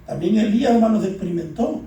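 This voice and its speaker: High-voiced preacher in an echoey hall. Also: male voice, lively intonation, fast talker, dark tone. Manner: keeps calling out "amados hermanos" and asking the congregation to answer. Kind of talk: sermon. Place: church. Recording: echoey church hall, distant from mic.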